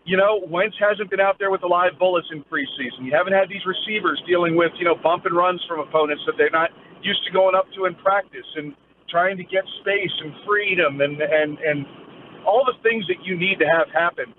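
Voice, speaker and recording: A man with a fairly high voice talks a bit quickly, delivering a live, conversational sports field report over a remote phone link and phrasing his analysis loosely. The audio is narrowband and phone-like, with faint noise.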